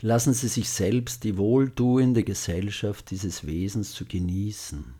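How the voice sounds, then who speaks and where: A man guiding a loving-kindness meditation, speaking gently with long pauses and letting his phrases trail off softly. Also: lowish voice, husky. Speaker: meditation guide.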